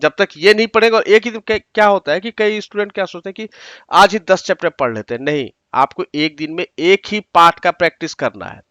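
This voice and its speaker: A man's voice: sits high, fairly bright tone, dry recording. A man teaching an exam-prep lesson, explaining example sentences word by word and repeating his advice often. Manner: slows to spell out example sentences.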